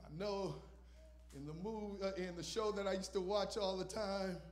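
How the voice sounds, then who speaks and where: A man preaching a sermon on a church stage into a handheld microphone, moving between loud shouted lines and quiet asides. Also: high voice, fairly even intonation, moderate pace. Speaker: visiting pastor. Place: church stage with purple lights.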